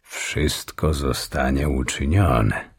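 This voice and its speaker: A man reading a majestic lion king in a deep, rich, solemn voice, slow and grave. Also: husky, dry recording, clean studio sound, full character voice.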